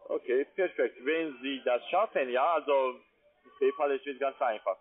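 Over a tinny, narrow phone line, a non-native German speaker working as a call centre salesman talks at a moderate pace in a medium-pitched voice. He is insistent, and his wording is ungrammatical.

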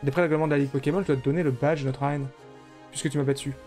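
A man's voice: steady tone, racing, darkish tone, soft background music, close to an everyday voice. A man reading out a proud male gym leader's lines from a video game, in a formal tone. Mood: gracious. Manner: reads game dialogue aloud, lightly raised pitch.

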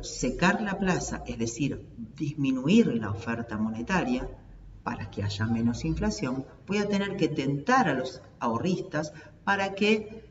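A woman's voice: very deep voice, a little hiss or hum. A woman in her forties with an Argentine accent, giving a recorded economics lesson from her home study through a webcam, explaining steadily and gesturing as she talks. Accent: Argentine Spanish. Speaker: accounting and economics teacher. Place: home study with bookshelves, indoors. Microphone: webcam at desk. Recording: roomy, distant, dull webcam sound.

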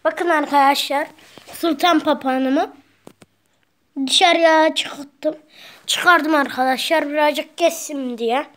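A woman's voice: sits high, fairly even intonation, slow, long pauses, a bit bright. A woman filming a casual home video, talking to viewers and cooing at her pet bird. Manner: keeps addressing viewers as friends, coos at the bird. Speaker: vlogger showing a pet parrot. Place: at home indoors.

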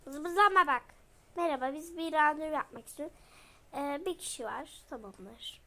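A woman's voice: high voice, moderate pace. A woman voicing an exasperated, scolding mother in a toy role-play story.

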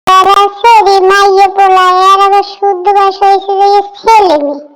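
A patient cartoon mother with a Barishal accent, speaking in a very high, squeaky voice. She explains things plainly and matter-of-factly. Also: flat delivery, normal speed, a bit bright. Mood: explaining. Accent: Barishal dialect of Bengali. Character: patient mother explaining words to her child. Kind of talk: comic cartoon dub.

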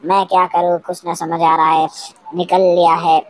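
A woman's voice: on the low side, little pitch movement, normal speed, lightly acted. A woman voicing a bumbling male house cat in a comic cartoon dub, boastful and panicky by turns. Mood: worried.

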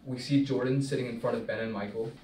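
At a film table read, a young man narrates the stage directions from the script in a fast, steady, medium-pitched voice with a dark tone. He's in a small indoor meeting room, picked up by a distant mic that sounds roomy with faint noise.

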